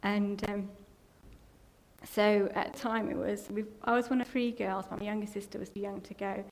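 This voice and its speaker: A woman's voice: mid-range voice, steady tone, moderate pace. A middle-aged English woman giving a personal testimony in a church, telling a rambling, emotional story that at times chokes with tears. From England. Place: church hall. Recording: long hall reverb, faint background noise.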